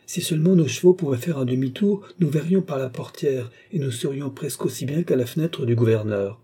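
A man reading an audiobook, voicing a gentle, worried young noblewoman who pleads softly. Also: medium pitch, a little fast, slightly rough, close to an everyday voice. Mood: pleading.

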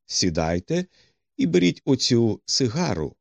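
A man's voice: mid-range voice, very animated, measured pace, creaky, dry recording. A man voicing a cool, dry-witted male detective who speaks tersely and with command.

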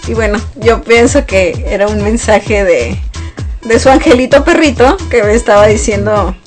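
A woman hosting a radio show, telling stories in a lively way with frequent laughs. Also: fairly high pitch, moderate pace, soft background music. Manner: lively storyteller, laughs often. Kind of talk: casual radio chat.

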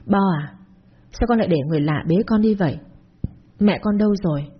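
A man's voice: high-pitched, fairly quick, husky, dull audio. A woman doing a firm, protective young neighbor man. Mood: scolding. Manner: firm, questioning. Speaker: neighbor in a story.

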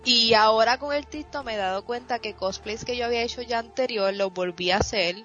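A woman in her thirties from Puerto Rico with a Puerto Rican Spanish accent, a streamer telling her life story as an interview guest, lively and mixing in English words. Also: a little high, fairly quick. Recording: dull lo-fi sound with faint music.

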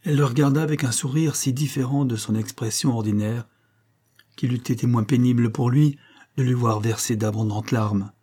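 Audiobook narrator, man, steady measured reading, dark mellow voice with some huskiness. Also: medium pitch, slightly rough.

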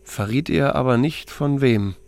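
Gravelly and a little mellow, this mid-range male voice moves a little slowly on a clean recording with no echo. As the narrator of a small-town sheriff's first-person audiobook, he reads the script and acts out dialogue with dry, laconic understatement.

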